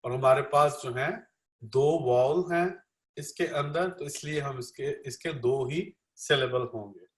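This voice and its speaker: A man's voice: mid-range voice, a little slow. A man interpreting a classroom lecture live, repeating each line with many fillers. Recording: echoey room.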